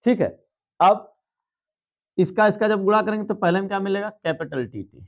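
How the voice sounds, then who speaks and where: A man's voice: high-pitched, moderate pace, lo-fi sound. A man teaching a biology lesson at a board, explaining step by step and checking in with students. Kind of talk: blackboard lesson.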